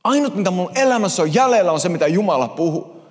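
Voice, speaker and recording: A male pastor delivers a sermon with passion, dropping to near-whispers and then rising loudly. His voice sits on the high side and moves with lively, wide-ranging intonation. The sound rings with long reverb from a large hall. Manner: impassioned, swinging from hushed to loud.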